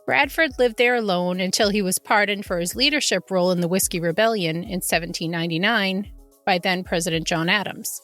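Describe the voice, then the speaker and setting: A woman hosts a podcast, sharing history and ghost lore from notes in a conversational, semi-scripted style about true hauntings, with informal asides along the way. Her mid-range voice is a bit bright and a little fast, with faint music playing behind her.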